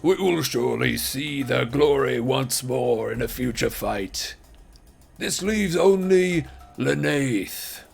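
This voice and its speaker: A man's voice: medium pitch, animated, takes it slowly, vocal fry, faint music behind, heavily acted. A grand arena announcer, as a man game master puts him on, makes solemn, theatrical proclamations. The delivery is that of a fighting game announcer in a tabletop fantasy game. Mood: grandly solemn.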